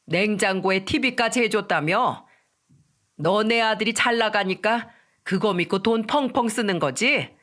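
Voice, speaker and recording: A woman reading a story aloud and voicing an older mother-in-law who shouts harsh accusations. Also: medium pitch, measured pace, lightly acted. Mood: furious.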